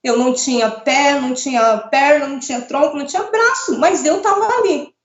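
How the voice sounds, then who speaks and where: A middle-aged woman giving an earnest, halting personal testimony, often repeating words as she speaks. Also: sits high. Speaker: interviewee telling a near-death experience. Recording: echoey, dull lo-fi room sound.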